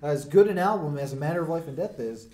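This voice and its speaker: A man's voice: a little high, expressive, quick pace, over a noisy crowd. A man co-hosting a casual podcast chat, stating his opinions emphatically. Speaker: podcast co-host.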